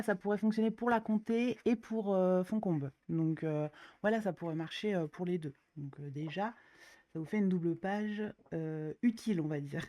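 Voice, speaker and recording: A woman's voice: lowish voice, mellow. A woman talking casually while browsing coloring books, chatty with many fillers, a little nasal from a cold. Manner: chatty, many fillers, slangy and self-mocking. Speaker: coloring YouTuber. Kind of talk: casual chat leafing through coloring books.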